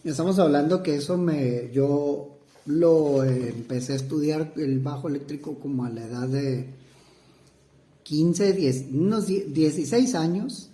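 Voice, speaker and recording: Un hombre mexicano de unos cuarenta años, psicoterapeuta, que responde una entrevista con titubeos, muletillas y frases que vuelve a empezar. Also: male voice, on the high side, dark tone. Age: 40s. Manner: halting, many fillers and restarts. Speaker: psychotherapist interviewee. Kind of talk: hesitant interview answers. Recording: roomy echo.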